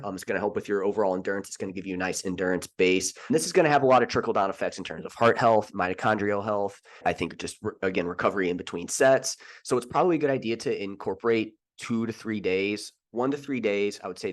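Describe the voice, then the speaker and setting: Fast-talking deep-voiced man hosting a podcast. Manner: casual, rambling, many fillers and restarts. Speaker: podcast host and fitness coach. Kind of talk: solo podcast monologue.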